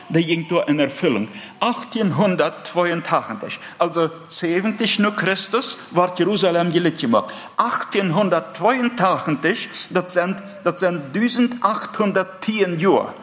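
A man preaching, his voice sitting a little high for a man. He speaks earnestly and haltingly, restarting phrases as he goes. Long hall reverb trails after each line. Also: a bit bright. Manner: earnest, halting delivery with many broken-off phrases. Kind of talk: sermon.

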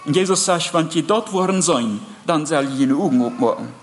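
A man preaching a sermon in an earnest, halting way, often breaking off and restarting his phrases. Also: a little high, lively intonation, soft background music. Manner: earnest, halting delivery with many broken-off phrases. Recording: long hall reverb.

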